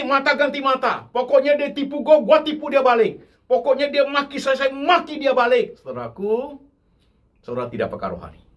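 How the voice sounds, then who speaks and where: A male pastor delivers a sermon in a fairly high voice. He preaches with very animated swings in pitch, rising to loud exhortations and dropping to quiet asides, and slips English phrases into his talk.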